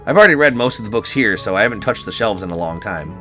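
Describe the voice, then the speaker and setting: A man's voice: on the low side, animated, quick pace, over music, lightly acted. A man reading out a brash young street tough. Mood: gruff, teasing. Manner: gruff, teasing.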